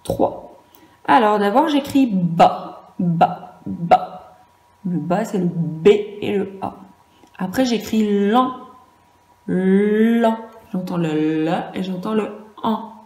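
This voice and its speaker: A woman's voice: mid-range voice, unhurried, darkish tone, roomy sound. A woman with a French accent teaching young children in a virtual class, patiently spelling out sounds and syllables. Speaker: primary school teacher.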